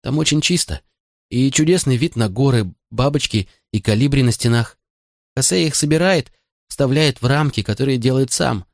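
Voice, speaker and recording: A man's voice: medium pitch, darkish tone, dry recording, clean studio sound, pitched above the performer's own voice, lightly acted. A man reading an audiobook voices a frightened young boy who pleads through tears with his stern father. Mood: timid, tearful. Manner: sobbing, pleading. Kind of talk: audiobook character voice.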